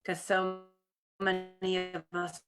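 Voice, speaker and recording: Woman host on a video call, low-ish bright voice, chatty and upbeat coaching chat. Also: completely flat delivery, slow, soft background music. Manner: chatty, upbeat, greets viewers by name. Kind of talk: casual live coaching chat.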